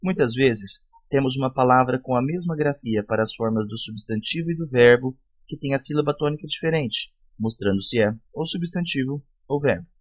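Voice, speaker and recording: A man hosting an English pronunciation podcast, slowly reading out word pairs one at a time. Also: mid-range voice, breathy edge, highs cut off. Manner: slow, deliberate word-by-word drilling.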